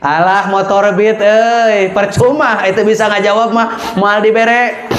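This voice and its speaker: A high-voiced man delivers a lively storytelling sermon. He is animated, swings between stern emphasis and jokes, and talks straight to the audience. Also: unhurried, a faint crowd, slight background noise. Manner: animated, mixes in regional phrases, jokes with the audience. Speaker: preacher.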